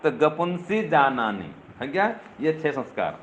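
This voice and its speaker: Speaking at a measured pace in a sing-song, fairly bright voice on the high side, an older swami teaches a live crowd. He teases them, talks to them directly, and keeps posing rhetorical questions. The audio is dull and lo-fi, with faint ambience and a bit of background noise.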